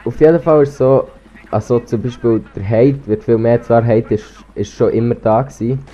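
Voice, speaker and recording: A teenage gaming YouTuber from Switzerland, speaking with a Swiss German accent, rambles casually over gameplay while slightly sick with a cold. He keeps hesitating, restarting and saying um in a warm, mid-range voice at a moderate pace. The highs are cut off on his cheap gaming headset.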